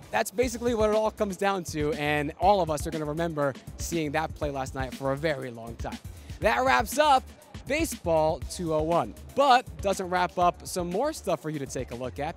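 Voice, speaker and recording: Upbeat high-voiced young male ballpark host. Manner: energetic, promotional, punchy delivery. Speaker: pregame show host. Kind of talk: upbeat scripted pregame show hosting. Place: ballpark concourse and museum.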